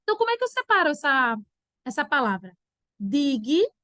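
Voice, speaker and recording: A woman teacher giving an online grammar lesson, animated and acting out her students' questions. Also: high voice, rapid-fire, no room sound, studio quality.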